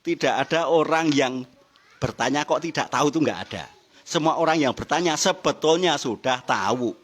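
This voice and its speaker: A man's voice: on the high side, normal speed, a bit bright. A middle-aged man gives a motivational seminar talk, teasing the audience with questions and laughing along. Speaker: business motivational trainer.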